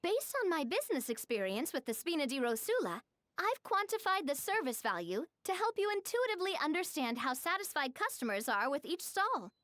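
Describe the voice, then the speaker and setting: A woman's voice: high voice, sing-song, a little fast, fairly bright tone, no echo, clean studio sound. A woman voicing a friendly young woman who acts as a business mentor in a video game, explaining things patiently and encouragingly. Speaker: game character voice. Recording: game audio over music.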